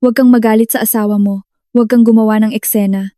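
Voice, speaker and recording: Woman doing a gentle, hurt elderly mother. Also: fairly high pitch, steady tone, fast, no echo, studio quality, natural voice. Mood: soothing. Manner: soft, soothing.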